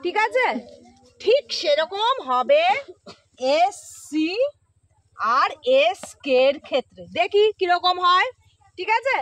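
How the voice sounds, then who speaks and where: A woman with a very high, light voice teaches pronunciation, repeating each sound slowly and prompting her pupils to answer back. She's patient and coaxing, with big pitch swings and a slightly bright tone.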